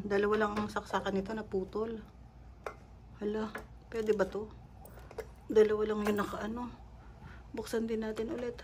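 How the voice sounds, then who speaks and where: A woman chatting casually in a home vlog, talking to viewers and coaxing her puppy in a high sing-song voice. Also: background noise. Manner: chatty, talks to viewers while doing chores. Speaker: vlogger. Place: home indoors, stairs and rooms.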